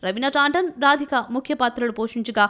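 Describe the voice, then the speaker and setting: A woman reads a film news segment in a brisk, scripted voice-over. Her voice is high. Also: sharp tone. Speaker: news narrator.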